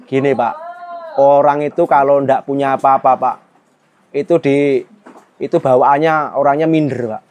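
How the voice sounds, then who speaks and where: A man's voice: mid-range voice, steady tone, normal speed, long pauses, darkish tone. A middle-aged man, earnestly telling his life story in an interview, often adding a polite "Pak". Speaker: goat farmer and trader.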